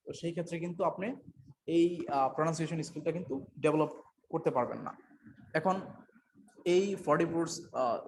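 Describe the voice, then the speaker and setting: A man giving an unscripted English pronunciation lesson, mixing two languages, pausing often with fillers and correcting himself. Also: mid-range voice, slight background noise. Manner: hesitant, many fillers and self-corrections. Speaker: English teacher.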